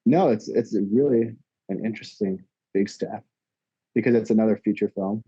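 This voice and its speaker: Chill guest dude, low husky warm voice, rambles a bit, dry jokes, dull dry sound. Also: male voice, normal speed, no room sound. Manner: laid-back, rambling, dry humor. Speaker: podcast guest. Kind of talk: casual chat.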